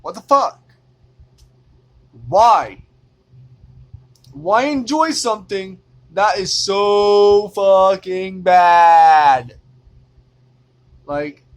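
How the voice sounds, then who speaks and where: Guy from indiana venting to the camera, cussing a lot, kinda high voice, drags his words out slow. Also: a bit bright. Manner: profane, exasperated, repetitive. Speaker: vlogger. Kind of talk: ranting monologue to camera.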